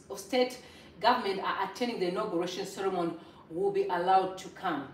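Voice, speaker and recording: A woman in her thirties from Zimbabwe holds forth in her kitchen, her lively voice swinging high and low as she preaches and repeats her points for emphasis. The camera sits a few steps away, so the voice comes across distant and echoey off the hard kitchen surfaces. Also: a little hiss or hum. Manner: animated, preachy, storytelling with emphatic repetition. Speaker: political commentary host. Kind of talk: casual political commentary vlog. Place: home kitchen, indoors. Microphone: far camera.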